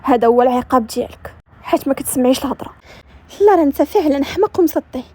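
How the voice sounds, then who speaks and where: A woman's voice: high-pitched, expressive, racing, a little mellow. A woman with a Moroccan Arabic accent voicing a cold, harsh male mafia boss who talks in curt commands. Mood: commanding.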